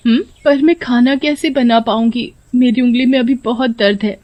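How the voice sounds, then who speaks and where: A woman's voice: on the high side, fairly even intonation, moderate pace, muffled recording, voice pushed up, lightly acted. A woman voicing a poor, mistreated young village bride who pleads and weeps. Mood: pleading. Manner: pleading, weepy. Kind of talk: storybook voice acting.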